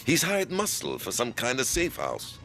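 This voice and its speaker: A man's voice: mid-range voice, huge pitch swings, normal speed, gravelly, sharp tone, exaggerated voice. An actor playing a nervous mob driver spilling what he knows in a game cutscene, with faint music behind. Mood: confessing. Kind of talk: video game cutscene acting.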